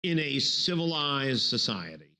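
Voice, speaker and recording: In a recorded bar review lecture, a law professor from Brooklyn, New York City, keeps things playful, cracking jokes and acting out goofy voices with animated energy. His voice is medium in pitch and unhurried.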